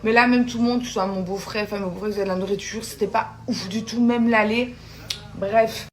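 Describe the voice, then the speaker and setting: A woman's voice: medium pitch, fairly even intonation, brisk. Chatty woman vlogger with a slight lisp. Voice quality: slight lisp, slushy s sounds from a sore tongue. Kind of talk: casual chat to followers.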